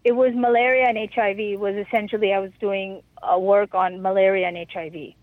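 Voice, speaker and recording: A woman answering an interviewer's questions over the phone, halting and stumbling over her words. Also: mid-range voice, fairly even intonation, no echo. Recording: tinny phone line.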